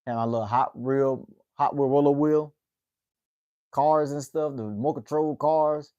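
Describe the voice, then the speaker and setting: Talking a little slowly in a smooth, slightly mellow, higher-pitched voice, this American man in his twenties casually chats with livestream viewers and ends phrases with "man." There's no echo, though the audio is dull.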